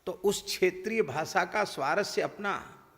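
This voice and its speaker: A man's voice: sits high, measured pace, a bit bright, in a large hall. A man giving a devotional discourse, telling stories and mimicking village characters in their voices. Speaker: spiritual teacher.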